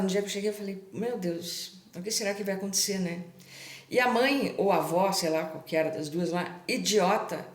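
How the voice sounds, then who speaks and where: A woman's voice: mid-range voice, roomy sound. A middle-aged Brazilian woman telling a personal story to her viewers in a chatty way, often adding tag questions. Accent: Brazilian Portuguese. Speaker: channel host.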